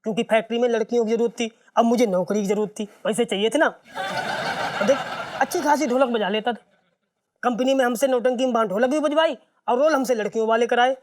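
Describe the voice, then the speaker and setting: An actor in a sitcom playing a young man who is tired of posing as a woman and now works as a night watchman. He talks in a quick, whiny way and threatens to shout. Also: very high voice. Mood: fed up. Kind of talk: sitcom acting.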